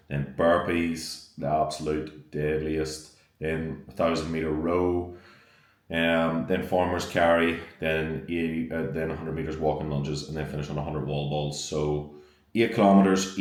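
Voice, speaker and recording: Young fitness vlogger dude, low steady voice, chatty and upbeat, swears a lot. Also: male voice. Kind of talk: casual talk to camera.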